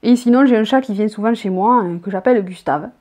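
Her voice is mid-range and fairly quick: a woman in her thirties with a southern French accent, from the south of France, vlogging from her bedroom. She chats in a rambling way and reads each tag question aloud.

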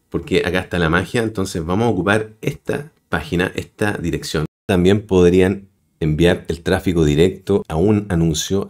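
A man hosting a screen-recorded web tutorial, explaining step by step and addressing his viewers directly. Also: deep voice. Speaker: tutorial host. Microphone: voice-over on a screen recording.

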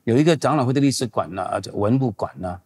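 Older male pastor for a Q&A session: husky, a bit raspy, talks in a loose and rambling way and leans on points for emphasis. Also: mid-range voice, expressive, fast, a little mellow. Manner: conversational, digressive, emphatic. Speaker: pastor and seminary teacher. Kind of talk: answering audience questions in a Q&A.

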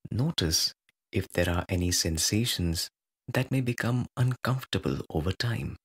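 This meditation guide is a man whose voice is low, husky and creaky. He speaks in brief, soothing phrases, calm and measured, with long silences in between.

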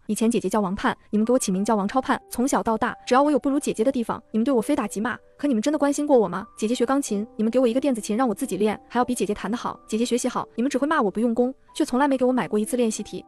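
A woman's voice: on the high side, a little mellow, close to an everyday voice. A woman reading a bitter, defiant teenage girl. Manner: accusing, indignant.

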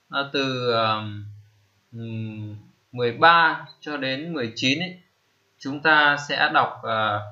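A man gives a slow screen-recorded lesson, repeating each word and filling his pauses. His voice is bright and forward, and the lo-fi recording sounds a little dull and muffled. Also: mid-range voice. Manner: slow, repeats each term, many fillers. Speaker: English teacher.

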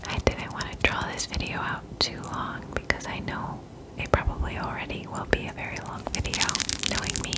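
A woman in her twenties whispering softly and close to the mic as an ASMR host, gently repeating the odd word. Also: a little fast, poor audio. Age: 20s. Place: small dim room indoors. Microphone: close mic, near the mouth.

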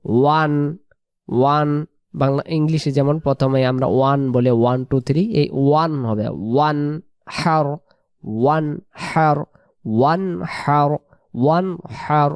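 A man teaching Quran pronunciation, spelling out letters and vowels one by one and repeating each word slowly. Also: medium pitch, fairly even intonation, clear, resonant tone, dry recording.

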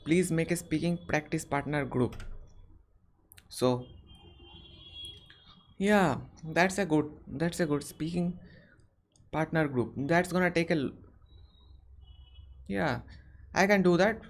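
This young man from India runs an English-learning channel and is live-streaming answers to viewers' questions from a small room, captured by webcam. Slightly high in pitch, he speaks with earnest hesitation and keeps restarting sentences.

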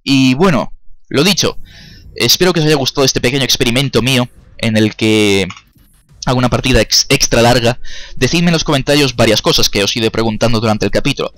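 A man's voice: mid-range voice, fairly quick, a bit bright, no room sound. A young man giving casual commentary over his own gameplay, chatty, cursing at opponents and talking to his viewers. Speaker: gaming YouTuber.

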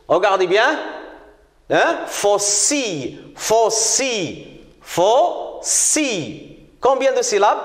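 A man leads a children's reading lesson at a very slow, deliberate pace, repeating each word and praising often. His voice sits high and swings widely in pitch. The recording has a roomy echo with a long reverb tail. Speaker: primary school teacher.

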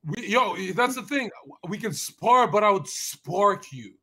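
A man's voice: high voice, lively intonation, a little slow, sharp tone. A man in casual group stream banter, brash and boastful, trash-talking the others. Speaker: stream guest.

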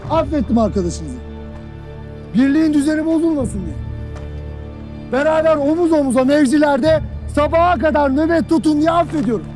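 An actor playing a harsh, furious army captain who lectures his soldiers in a stern, repetitive harangue that swings into shouting. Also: very high voice. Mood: grim. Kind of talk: film acting.

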